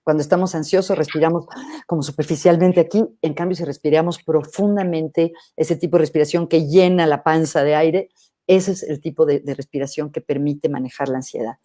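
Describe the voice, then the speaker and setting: A middle-aged woman psychologist, answering questions in a thoughtful, measured way with hesitant restarts. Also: deep voice, fairly even intonation, warm tone. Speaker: psychologist guest. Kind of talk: live interview answering questions.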